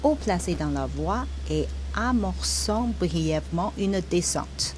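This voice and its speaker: Slow, careful woman teaching tones. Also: lowish voice, lively intonation, darkish tone, a little hiss or hum. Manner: slow, careful, demonstrates tones by repeating syllables. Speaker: Chinese teacher. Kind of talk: slow pronunciation lesson.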